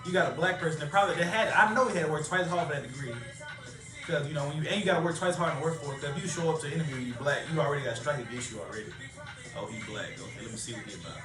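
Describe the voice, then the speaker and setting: A young man, a college student, talking emphatically in a casual group discussion. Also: a little high. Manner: emphatic, talks fast, acts out quoted voices. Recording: echoey room with music behind.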